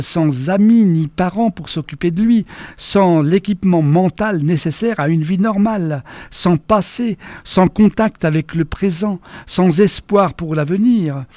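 A man's voice: sits high, dark tone, no room sound. A man voicing a pompous, self-satisfied middle-aged male scientist giving a lofty speech in an audiobook.

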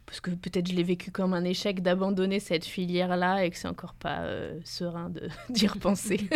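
A woman with a low, gravelly voice talks as an interview guest in a dry, close sound. She hesitates and restarts often, with plenty of fillers. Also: steady tone, fairly quick, darkish tone, no echo. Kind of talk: radio interview conversation.

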